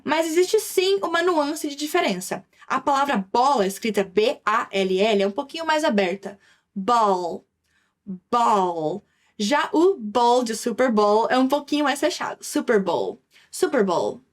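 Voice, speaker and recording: A young woman with a Brazilian Portuguese accent teaching an English lesson in a lively, chatty way, slowing down for English examples. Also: high-pitched. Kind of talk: online language lesson.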